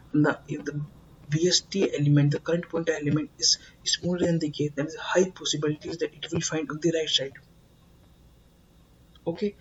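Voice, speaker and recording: A man teaching a coding lesson, explaining slowly and emphatically, repeating words and filling pauses with "uh". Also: fairly high pitch, lo-fi sound, slight background noise. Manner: slow, repetitive, emphatic explaining with many fillers. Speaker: programming tutor.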